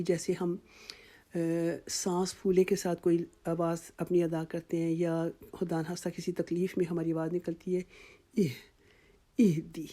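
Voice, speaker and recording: Woman, Pakistani Urdu accent, recitation teacher, patient drawn-out sounds, lowish mellow voice. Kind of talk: tajweed lesson with slow recitation examples.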